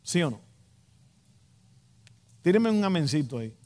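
A man from the Dominican Republic, with a Dominican Spanish accent, preaches a sermon to a congregation at a measured pace. His voice is on the high side and a little mellow, with big pitch swings. He's emphatic and direct, repeating key phrases for weight, with long hall reverb on the recording.

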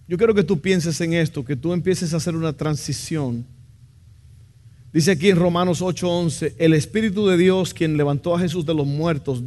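A man's voice: fairly high pitch, a little mellow. A man preaching a sermon in a church, impassioned and asking the congregation questions. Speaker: pastor.

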